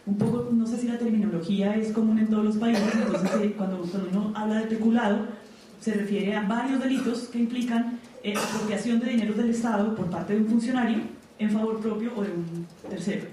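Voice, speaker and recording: A woman giving a seminar presentation, explaining in a conversational way with frequent pauses and "eh" fillers. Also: mid-range voice, fairly even intonation, dark tone, far from the mic. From Colombia. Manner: explanatory, conversational, often pausing with "eh". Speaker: panel presenter. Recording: echoey hall recording from afar, faint noise.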